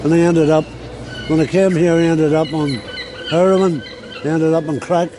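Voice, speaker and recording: A plain-spoken Belfast man sits on a crowded city street during an interview, often saying the same words more than once in his Northern Irish accent. He talks at normal speed with fairly even intonation in a slightly high voice, and the background is noisy.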